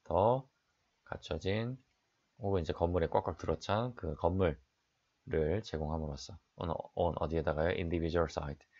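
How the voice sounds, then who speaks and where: A man's voice: low-pitched, measured pace, darkish tone, lo-fi sound. A man teaching an exam-prep English lesson, reading each English phrase aloud, translating it, and answering his own questions. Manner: explains sentence by sentence, reads English then translates; frequent "자" fillers, asks and answers own questions.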